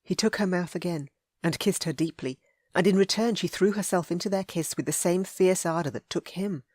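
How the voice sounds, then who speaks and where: A woman narrating a historical romance audiobook in a soft, intimate reading. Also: fairly low pitch, brisk, dry recording, clean studio sound.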